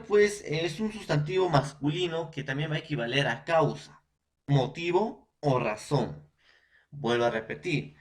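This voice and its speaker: A man with a Peruvian Spanish accent teaches a grammar lesson to secondary school students. He circles back over each point, sprinkles in fillers, and keeps asking the class whether they follow. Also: medium pitch. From Peru. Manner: repetitive, checks with frequent "¿no?" and fillers.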